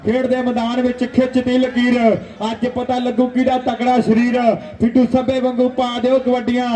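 Male folk-style sports commentator, high-pitched and fairly even in tone, playful verse, heard from far off. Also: normal speed. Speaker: kabaddi commentator. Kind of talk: folksy rhyming live commentary. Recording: echoey outdoor PA, distant mic.

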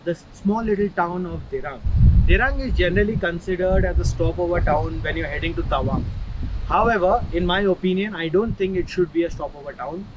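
A man's voice: high voice, a little fast, dull audio, background noise. A man with an Indian English accent, narrating his travel vlog with enthusiasm and recommending places to viewers. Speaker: travel vlogger. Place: outdoors in windy mountains. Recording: music playing behind.

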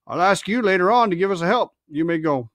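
A man voicing a stern, brisk male ship's captain who speaks in a clipped, commanding way. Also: high-pitched, lively intonation, fairly bright tone, dry recording. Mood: curt.

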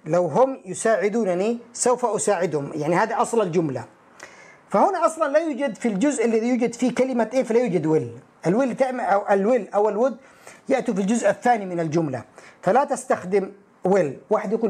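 In an English grammar lesson, a man slowly reads each English example aloud and translates it, then poses the questions students would likely ask and answers them himself. His voice is high with a darkish tone.

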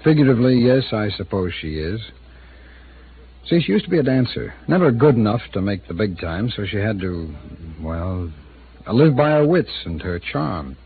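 In this 1950s radio drama, an actor plays a male city attorney who is guarded and evasive, hesitating and dropping hints. His voice is fairly low and very animated at a normal pace. The recording is a tinny, lo-fi old broadcast with hiss.

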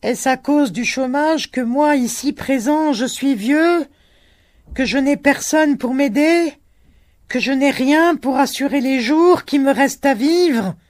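A reader voicing an old, worn-out peasant laborer who shouts his bitterness against the wind. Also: sits high, takes it slowly, dry recording, voice pushed up. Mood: bitter outcry.

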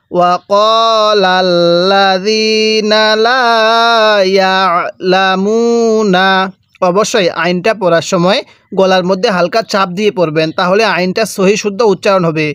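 A man with a Bangladeshi Bengali accent teaches Quran reading. He spells out words slowly, syllable by syllable, between his explanations. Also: sits high, a bit bright, no room sound, studio quality. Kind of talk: slow spelled-out recitation lesson.

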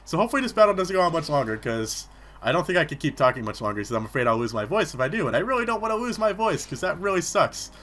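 Fast and very animated, a young gaming commentator rambles casually between battles despite a sore throat, leaning on plenty of fillers. His voice is a little high and fairly bright in tone.

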